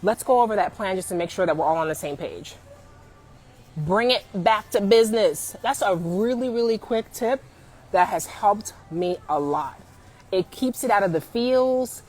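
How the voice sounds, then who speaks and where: A woman in her forties offers career advice on a live stream, speaking at medium pitch and a moderate pace. She's emphatic and animated, frequently calling out to viewers and laughing.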